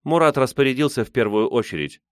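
A man's voice: mid-range voice, animated, fast talker, no echo, clean studio sound, voice pushed up, close to an everyday voice. A man voicing a young woman who answers coyly and evasively. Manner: playfully evasive.

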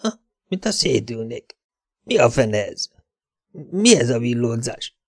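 A mocking male thug who trades lines with his partner and makes crude threats, read by a man. His sneering delivery comes through an audiobook. The sound is dry and close, and the pitch sits mid-range. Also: very animated, no room sound. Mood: dazed. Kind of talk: audiobook character voice.

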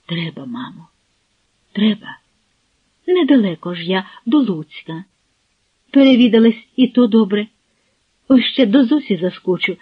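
Performing an audiobook character, a woman gives a determined young village man a firm, defiant voice. Her own voice is mid-range, with lively intonation, an unhurried delivery and long pauses. The sound is husky, dry and phone-like.

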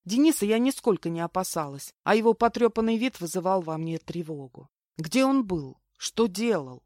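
A woman giving lively first-person audiobook narration into a close mic. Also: on the low side, normal speed, no room sound.

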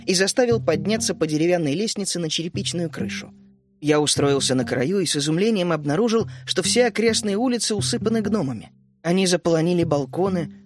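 A man reading a children's fantasy audiobook aloud as an expressive first-person narrator, in a studio. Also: fairly high pitch. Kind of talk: scripted narration.

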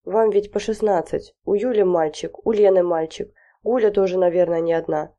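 A woman's voice: on the low side, fairly even intonation, moderate pace, dark tone, dull audio, natural voice. A woman reading an audiobook voices a fussy, anxious middle-aged mother who frets and pleads. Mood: worried. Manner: fretful, pleading, flustered.

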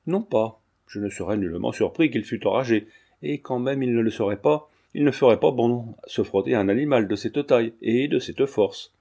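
A composed young gentleman who reasons things out step by step, read by a man. The voice is mid-pitched and mellow, steady and unhurried. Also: close to an everyday voice. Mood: resolute. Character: gallant, calm young gentleman. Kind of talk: audiobook character reading.

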